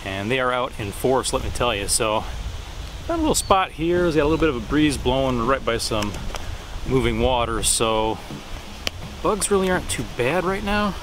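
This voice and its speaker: Male vlogger, forties, medium pitch, unscripted outdoor chat, halting delivery, thinks aloud, camera at arm's length. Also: lively intonation, background noise. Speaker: pipe-smoking vlogger. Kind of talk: casual rambling chat to camera. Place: outdoors in the woods by a creek. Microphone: camera at about arm's length.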